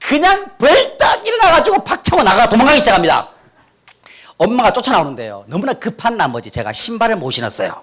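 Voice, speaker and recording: Middle-aged man from North Gyeongsang, guest speaker; high, very expressive delivery, acts out voices, leads call-and-repeat. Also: fast. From Korea, North Gyeongsang. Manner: animated, acts out quotes, leads crowd in repeating. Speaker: guest speaker giving testimony. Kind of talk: humorous church testimony. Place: church hall with audience. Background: audience laughter.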